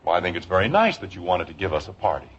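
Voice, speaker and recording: On a muffled, hissy old radio recording, an American actor plays an exasperated but affectionate middle-aged father in a 1950s sitcom. His low, husky voice races along in a sing-song, heavily acted way, yet the mood stays calm and kindly.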